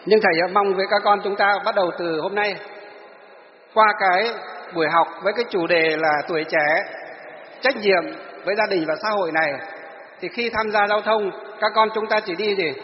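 Brief: man, a teacher lecturing a class, high voice, long hall reverb. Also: normal speed. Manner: asks students rhetorical questions and answers them. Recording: echoey hall, dull lo-fi.

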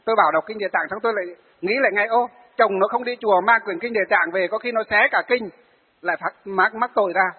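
A man in his forties, a Buddhist monk, preaching and acting out the people in his stories. His voice sits high for a man and sounds husky. The sound is narrow and phone-like, with a long hall reverb behind it. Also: fast. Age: 40s. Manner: storytelling, acts out the people he tells of. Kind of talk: sermon.

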